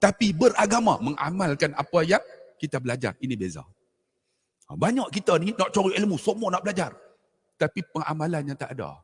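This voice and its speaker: A middle-aged man from Malaysia telling animated, jokey stories to an audience at a religious forum. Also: fairly high pitch, fairly quick, husky. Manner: lively, jokey, addresses audience as tuan-tuan. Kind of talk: animated storytelling talk to an audience. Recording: hall reverb.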